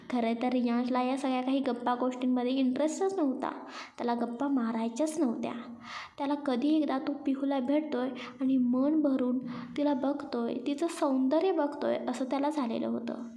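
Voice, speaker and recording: A woman narrating a romance story in a steady, expressive reading voice. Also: sits high.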